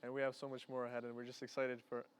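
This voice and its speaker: A young man thanks his guests in an earnest, unpolished way, linking thoughts with fillers. His voice is remarkably smooth and clear, at a middle pitch. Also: completely flat delivery, racing. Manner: earnest, loosely strung phrases with fillers. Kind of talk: casual thank-you speech.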